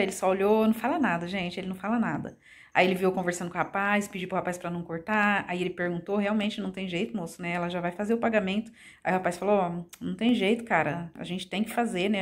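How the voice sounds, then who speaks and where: A woman's voice: on the low side, steady tone, fast talker. A Brazilian woman with a Brazilian Portuguese accent, chatting casually to her phone camera as a vlogger, confiding, with many fillers and tag questions.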